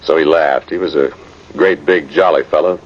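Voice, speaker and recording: In a muffled, noisy vintage radio recording, an American man with a very deep voice plays a folksy old cavalry sergeant narrating his tale in a 1950s radio drama. His tone is steady and his pace moderate as he reminisces in a rustic, rambling, plain-spoken old soldier's way.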